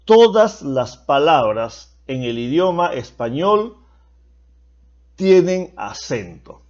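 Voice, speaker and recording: Male teacher, slow careful delivery, lively pitch, patient explaining, dull lo-fi sound. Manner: patient, explanatory, repeats key points. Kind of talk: recorded classroom lesson.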